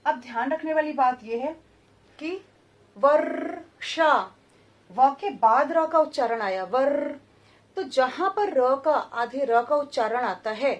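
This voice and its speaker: A woman teaching a grammar lesson to children in a high, clear voice. She speaks slowly and deliberately, repeating each word and sounding out its syllables one at a time. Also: lively intonation. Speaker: Hindi teacher.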